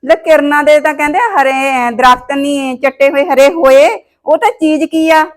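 A domineering, scheming mother-in-law, played by a woman, with a high voice. She scolds and bosses her son in a village comedy short film. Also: fairly even intonation, moderate pace, close to an everyday voice. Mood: gossiping.

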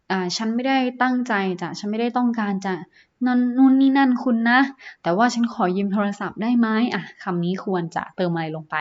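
A woman teacher with a Thai accent, reading English sentences slowly and then explaining them in Thai with fillers, in an online lesson. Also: mid-range voice, highs cut off.

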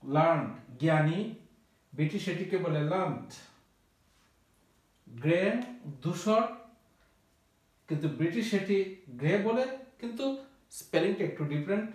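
A man's voice: a little high, unhurried, pauses often, darkish tone, far from the mic. A man teaching a vocabulary lesson, naming word pairs and spelling words out letter by letter. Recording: very echoey room, voice from off-mic.

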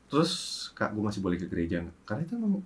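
A man guest on an interview show, speaking in a halting, reflective way and trailing off as he recalls. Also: lowish voice, wildly swooping pitch. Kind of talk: candid casual chat.

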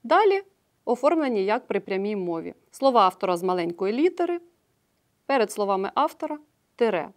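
A woman teacher giving an online grammar lesson, patiently explaining each step and often checking in with a quick "right?". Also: mid-range voice, sing-song.

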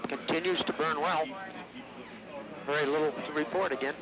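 A man's voice: a little high, steady tone, moderate pace, a crowd in the background, low-quality recording. A man giving technical status reports on a rocket flight over a radio loop. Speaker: flight systems commentator.

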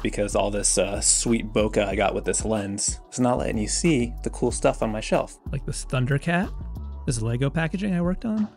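A man's voice: mid-range voice, darkish tone. A man in his thirties giving a casual tour of his basement studio, chatty and self-deprecating with offhand jokes. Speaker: illustrator showing his studio.

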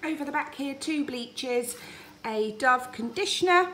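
A high-pitched, fairly bright, expressive voice at a measured pace belongs to a family vlogger in her thirties from the United Kingdom. She informally narrates a grocery haul with a British accent in her home dining room, with slight background noise.

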